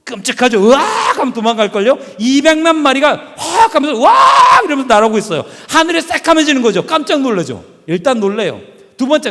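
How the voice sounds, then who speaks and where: A man giving a lively, humorous sermon in a church, quizzing the audience and acting out scenes. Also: very high voice. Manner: animated, asks the audience questions and acts out scenes. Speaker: guest preacher. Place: church sanctuary. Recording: long reverb of a church hall.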